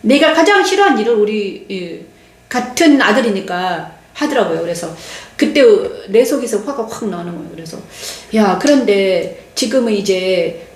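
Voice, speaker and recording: An older woman pastor giving a testimony sermon, speaking slowly and haltingly with many restarts and pauses. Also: mid-range voice, big pitch swings. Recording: echoey room.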